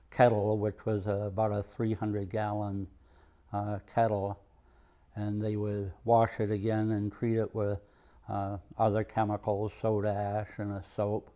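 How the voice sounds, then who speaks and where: An older retired man with a Maine accent, reminiscing in an interview in a halting, plainspoken, understated way. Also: on the low side, warm tone. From Maine, USA. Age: over 65. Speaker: retired mill worker and museum volunteer. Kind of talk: oral history interview, reminiscing.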